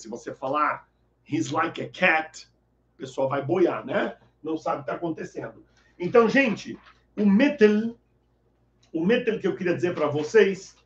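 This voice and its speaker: Lively high-voiced man teaching. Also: reverberant, highs cut off. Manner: lively, joking, reads chat names aloud. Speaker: Arabic teacher hosting a live class. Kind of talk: live online lesson, chatty.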